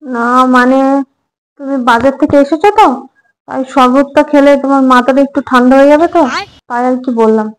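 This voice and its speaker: A woman acting a nervous young wife in a comic home drama who keeps soothing her hot-tempered husband. Her voice sits high, coaxing and apologetic. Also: steady tone, brisk, natural voice, poor audio. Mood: placating. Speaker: short-drama actress.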